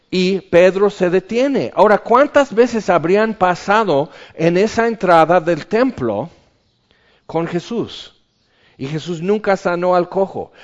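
A man preaches a sermon, his voice sitting a bit higher than most men's. He teaches in a conversational way, pausing on rhetorical questions and adding casual asides. The recording sounds dull and lo-fi.

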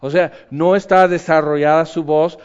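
A man preaches with a high, lively voice. He acts out the quotes with sudden high yelps. The recording sounds dull and lo-fi. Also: normal speed, clean tone. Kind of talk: sermon.

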